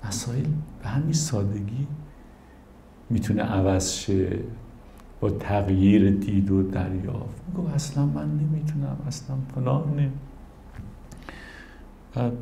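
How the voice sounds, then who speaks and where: A man's voice: lowish voice, creaky, mellow, reverberant, slight background noise. A man giving a spiritual talk as teacher and counselor, telling stories animatedly and acting out the people he quotes.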